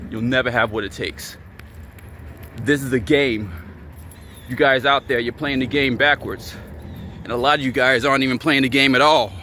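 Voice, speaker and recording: A man's voice: on the high side, fairly bright tone. A man giving a blunt, confrontational motivational rant as a vlogger, hammering the same points over and over in a preachy way.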